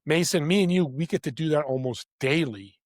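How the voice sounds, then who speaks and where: A man's voice: fairly high pitch, a little fast, no echo. Heartfelt motivational man, dry close sound. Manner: animated and heartfelt, swings between loud emphasis and quiet, hushed moments. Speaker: podcast guest and podcast host. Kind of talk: earnest motivational storytelling.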